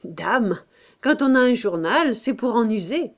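Brief: glib young male journalist, read by a woman, jaunty and offhand, unhurried audiobook pace. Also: a little high, expressive. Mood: breezy. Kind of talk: audiobook character voice.

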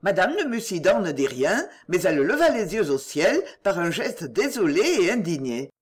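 A woman reads a classic novel aloud in scripted narration. Her reading is measured and expressive, with a lively, animated melody through long sentences. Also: lowish voice, breathy edge. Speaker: audiobook narrator.

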